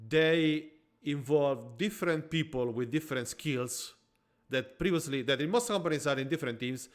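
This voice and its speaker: A man with an Italian accent hosting a podcast, chatting casually and jokingly, trailing off into quiet asides. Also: fairly high pitch, moderate pace. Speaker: podcast host. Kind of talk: casual interview chat.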